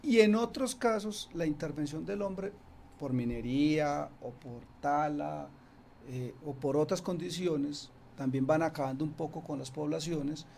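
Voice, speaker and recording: A man's voice: on the high side, a little slow, gravelly, darkish tone, a little hiss or hum. A man from Antioquia, a guest on a radio interview, explaining casually with many restarts and fillers. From Antioquia, Colombia. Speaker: snake expert guest. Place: radio studio.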